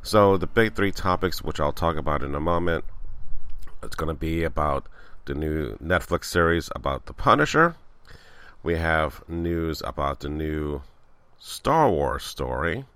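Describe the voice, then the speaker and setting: Very deep-voiced man with a scratchy voice. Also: animated, a little slow, a bit bright, clean tone, no room sound. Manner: chatty, rambling, enthusiastic. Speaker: podcast host. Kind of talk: casual solo podcast talk. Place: outdoors in a backyard.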